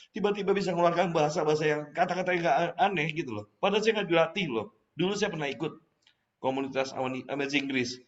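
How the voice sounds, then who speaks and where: A man telling his personal faith testimony in casual spoken style, acting out past lines as he tells the story. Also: a little high. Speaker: testimony speaker. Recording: slightly muffled recording.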